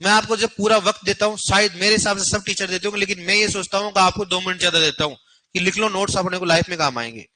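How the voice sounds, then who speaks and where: Animated scolding coaching teacher, high bright voice. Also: male voice, quick pace, poor audio. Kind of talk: classroom lecture scolding students.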